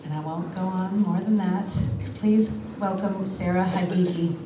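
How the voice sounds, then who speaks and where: A woman hosting an event, slowly introducing the next speaker on a theater stage. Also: fairly low pitch, steady tone. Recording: echoey theater from far off with loud room noise.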